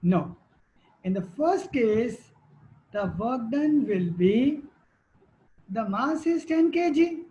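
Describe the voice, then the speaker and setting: A woman's voice: on the high side, expressive, slow pace, long pauses, mellow, dull audio. A woman teacher giving a classroom lecture, quizzing students and repeating their answers.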